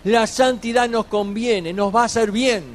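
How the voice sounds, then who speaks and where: A man preaching a sermon, slowing on key phrases and dropping quiet for scripture readings. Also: very high voice, steady tone.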